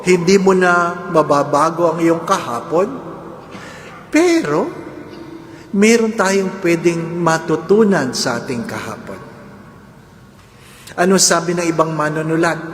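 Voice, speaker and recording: A man preaching with a lively, joking delivery, swinging his voice up and down as he keeps asking the congregation to agree. His voice sits a little high and rings out through a large, echoey church hall with faint ambience behind him. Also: slight background noise. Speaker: priest. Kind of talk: humorous homily.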